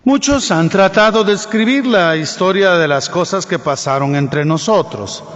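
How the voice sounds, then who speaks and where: A priest reads the Gospel in a formal, measured way, his fairly high voice trailing a long cathedral echo. The recording is dull and lo-fi, as if caught from the church's speakers. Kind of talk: liturgical Gospel reading at Mass. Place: large church.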